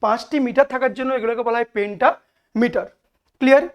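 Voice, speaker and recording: A woman's voice: a little high, fairly even intonation, fast talker. A woman teacher with a Bengali accent giving a lecture, explaining step by step and asking and answering her own questions. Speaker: English literature teacher. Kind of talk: classroom lecture.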